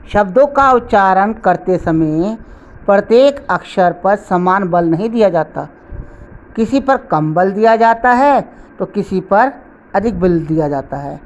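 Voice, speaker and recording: A middle-aged woman teaching a school grammar class at a slow, careful pace. She breaks words into letters and sounds out each example one piece at a time. Her pitch stays at a middling level. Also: a little mellow, dull audio.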